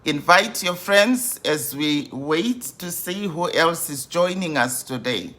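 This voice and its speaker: A woman in her fifties, a grief coach hosting a live stream, welcoming viewers over and over in an unhurried way with many fillers. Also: low-pitched, animated, a bit bright. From Zimbabwe.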